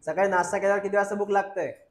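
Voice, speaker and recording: A man's voice: high voice, steady tone, very fast, roomy sound. A male biology teacher lectures a class, drilling students with repeated questions and calling them "beta".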